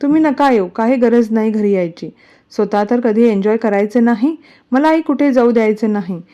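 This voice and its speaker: A woman's voice: fairly high pitch, normal speed, dark tone, highs cut off, lightly acted. A woman reading a storybook voicing an upset, hurt young wife who complains indignantly.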